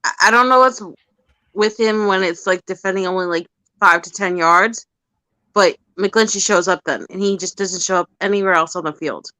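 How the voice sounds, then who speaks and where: A woman discussing a game on a casual podcast in a bright, crisp voice, breaking plays down and hedging with frequent fillers. Her sound is close and dry, with no room echo. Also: mid-range voice, moderate pace. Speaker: podcast panelist. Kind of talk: casual chat.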